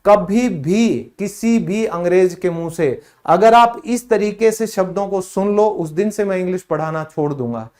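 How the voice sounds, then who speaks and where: Indian guy teaching english, kinda high voice, takes it slow, says the example lines real carefully. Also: darkish tone. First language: Hindi. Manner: explains in Hindi, models short English phrases slowly. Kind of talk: spoken English lesson.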